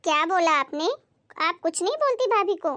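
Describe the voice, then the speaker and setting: A woman's voice: extremely high pitch, lively intonation, normal speed, bright, forceful tone, exaggerated voice. A woman playing a young daughter who reasons with her mother in defense of her sister-in-law. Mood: pleading. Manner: pleading, reasonable, mildly exasperated.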